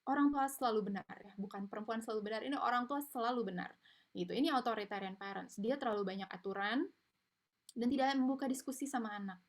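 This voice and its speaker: Over a video call mic, a woman leads an informal online parenting webinar, chatty and explanatory, leaning often on tag fillers. Her voice is a little high and her pace quick.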